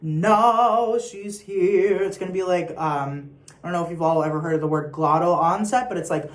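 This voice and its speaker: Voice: medium pitch, fast talker. A young adult choir teacher giving patient rehearsal instructions and singing short example phrases. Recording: echoey room.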